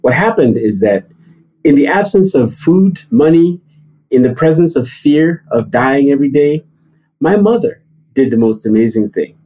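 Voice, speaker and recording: A middle-aged man from Nigeria talks as an interview guest. His voice is mellow and a little husky, and his storytelling climbs high whenever he stresses a point. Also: moderate pace, rough recording. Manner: animated storytelling, rising high for emphasis. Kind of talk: interview answers.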